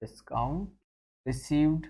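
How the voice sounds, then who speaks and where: A man's voice: a little high, measured pace, warm tone, husky. A man teaching accounting in a classroom-style lecture, asking his students questions and answering them himself, and slipping English terms into his talk. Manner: addresses students as children.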